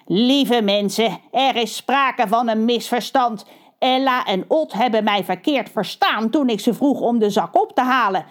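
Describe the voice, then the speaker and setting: A woman's voice: on the high side, measured pace, close to an everyday voice. A woman voicing a scheming, greedy male crow boss who talks in an indignant, blustering way. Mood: smooth-talking.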